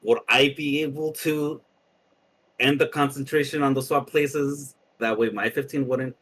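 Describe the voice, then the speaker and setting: A man's voice: medium pitch, steady tone, unhurried, a bit bright. A man playing in a tabletop game, thoughtful and tentative as he asks about rules. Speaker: player. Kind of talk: casual game chat.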